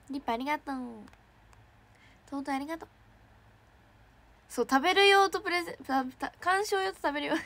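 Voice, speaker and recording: A young woman, an idol trainee, chatting casually on a livestream and reacting excitedly to fan messages. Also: high voice, moderate pace, pauses often. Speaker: idol trainee streaming to fans.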